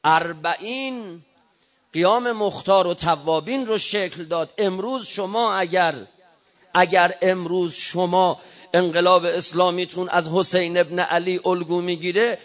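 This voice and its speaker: A man's voice: high-pitched, fairly even intonation, fairly bright tone, lo-fi sound. A man preaching an emotional memorial sermon, his delivery swelling and falling. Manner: rising and falling emotional oratory.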